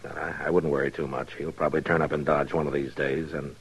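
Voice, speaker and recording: Marshal Matt Dillon, very deep, steady lawman. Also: slightly rough, exaggerated voice, rough recording. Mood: firm. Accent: American. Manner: measured, dry, polite but firm. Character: steady, patient, firm male frontier US marshal. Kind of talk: old-time radio western acting.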